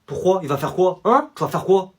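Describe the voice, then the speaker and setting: A hot-headed teenage schoolboy, all street slang and threats, as a young man puts him on. The voice jumps around aggressively, rough and husky at the edges. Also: high voice, big pitch swings, brisk, a little mellow, pitched below the performer's own voice, full character voice. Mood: threatening.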